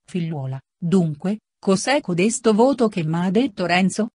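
A woman reading an audiobook, voicing an old, frail and kindly male friar with a grave, gentle manner. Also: lowish voice, animated, measured pace, no echo, studio quality.

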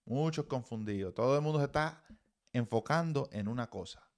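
A man's voice: medium pitch, expressive, brisk. A man, a baseball hitting coach, giving blunt, profane, emphatic swing-analysis commentary.

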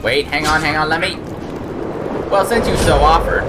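A man playing a game with friends, excitable and swearing, guiding the others. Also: a little high. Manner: excitable, swearing, bossy guide. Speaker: gamer. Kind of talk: casual let's-play chat.

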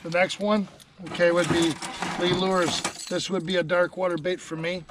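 An older man talks through fishing gear in a folksy, easygoing way, and his voice sits a little high. He is recorded outdoors on a small boat by an action camera, with steady noise behind him. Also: normal speed, distant mic. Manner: folksy, many "you know" fillers. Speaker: fishing guide. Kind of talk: casual instructional chat.

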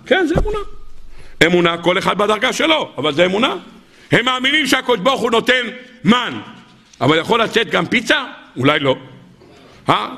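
Man, rabbi, live sermon, bright voice, high pitch, acts out stories. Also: vocal fry. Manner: animated storytelling, acts out characters, rhetorical questions to audience. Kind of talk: weekly Torah portion sermon. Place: live talk before an audience.

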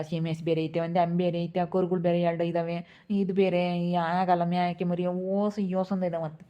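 A woman's voice: on the low side, lo-fi sound, lightly acted. A woman playing a patient village father who explains things plainly and repeats himself, with a rural Hiriyur accent. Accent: Hiriyur rural Kannada.

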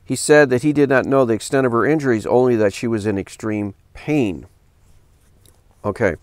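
Seated at a desk in his home office, a middle-aged pastor and commentator reads a news article aloud at a moderate pace. He pauses to question it earnestly, and he reads the quotations in a lower, flat tone. The sound is clean studio quality with no room sound.

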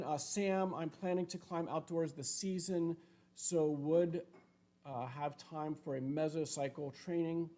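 A man in his sixties, a climbing coach hosting a casual live question-and-answer show from a room at home, relaxed and thinking aloud with many fillers. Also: medium pitch. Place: home room with shuttered windows. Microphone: webcam video call framing.

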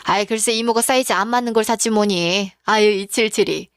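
A woman's voice: mid-range voice, fairly quick, smooth, dry recording, studio quality, close to an everyday voice. A woman doing a breezy, generous aunt. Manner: breezy, teasing. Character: generous single middle-aged aunt, breezy.

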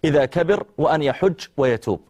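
A man's voice: on the high side, lively intonation, fast talker, darkish tone, voice pushed up. A man voicing a distraught mother of a dying young man, retold inside a sermon. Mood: pleading.

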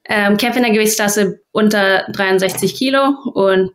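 A woman's voice: medium pitch, moderate pace, slight background noise. A young woman from Germany, a guest athlete, answering interview questions casually over a video call in a plain, matter-of-fact way.

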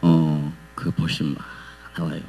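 A man preaching a revival sermon in a church as pastor, animated and acting out pleading prayers. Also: extremely low pitch, measured pace, vocal fry, faint music behind. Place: church sanctuary. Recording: long hall reverb with mains hum.

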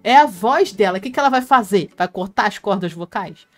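A woman's voice: medium pitch, expressive, fairly quick, faint music behind. A Brazilian woman hosting a casual live stream, reading viewer comments aloud and chatting to fans by name, laughing often. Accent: Brazilian Portuguese. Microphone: headphone mic.

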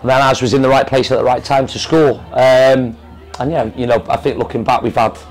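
A football manager gives a candid post-match interview. He speaks at an ordinary mid pitch and keeps stopping to restart his sentences with fillers. It is recorded indoors in front of a club sponsor board. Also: little pitch movement, brisk, rough recording.

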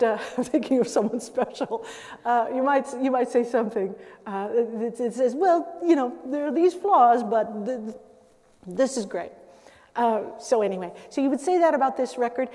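An older woman lectures about listening to music in a loose, chatty way, laughing and breaking off mid-thought. Her voice is mellow and sits a little high. The long reverb of a large lecture hall trails after her words. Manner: conversational, with laughs and self-interruptions. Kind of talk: public lecture.

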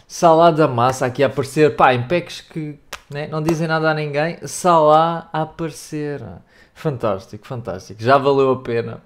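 A young man with a European Portuguese accent commentating his own pack openings in a chatty, excitable way, talking straight to his viewers. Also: fairly high pitch, moderate pace. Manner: animated, shouts and laughs over big pulls, chatty asides to chat. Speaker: gaming youtuber.

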